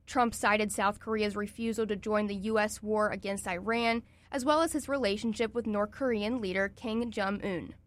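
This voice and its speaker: A young woman anchoring a college radio newscast, reading the bulletin in a steady, even way. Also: medium pitch, normal speed, hardly any pauses, no room sound. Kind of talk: read news bulletin.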